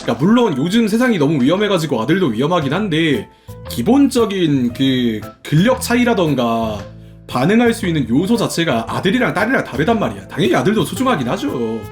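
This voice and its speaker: A man's voice: fairly high pitch, very animated, brisk, faint music behind. A young man streaming from his room at home, chatting casually and playfully with his viewers and musing aloud.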